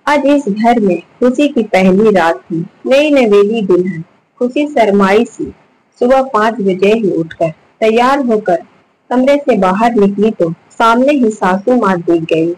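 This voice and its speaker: A woman narrating a moral story in a gentle, measured reading. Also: mid-range voice, lively intonation, low-quality recording.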